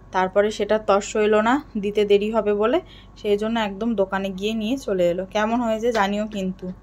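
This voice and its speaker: A woman vlogger in her thirties chatting casually to her viewers, moving between a soft polite voice and a louder, lively one. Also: mid-range voice. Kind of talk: casual chat to camera.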